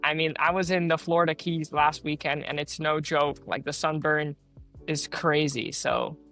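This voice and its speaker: A man's voice: a little high, steady tone, moderate pace, bright, forceful tone, faint music behind. A young man in his late teens, originally from the Netherlands, answering interview questions in an earnest, casual way with many fillers. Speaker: guest.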